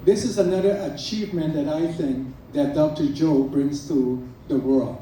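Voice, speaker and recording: A man's voice: fairly high pitch, moderate pace, dark tone. Earnest man speaking in an echoey hall. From Trinidad and Tobago. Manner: earnest, emphatic, lists items one by one. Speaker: naturopath speaking at a product event. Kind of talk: promotional speech to a live audience. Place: event room with an audience. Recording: echoey room from far off with faint noise.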